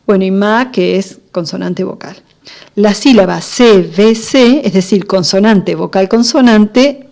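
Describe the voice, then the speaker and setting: A woman giving a lecture on literacy, explaining step by step with frequent fillers and pauses. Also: mid-range voice, warm tone.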